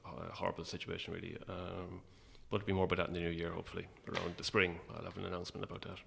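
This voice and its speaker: Very fast and monotone, this man's low, creaky voice has a slightly bright quality. As an interview guest, the playwright and actor chats casually about his own creative work in a hesitant, thoughtful way.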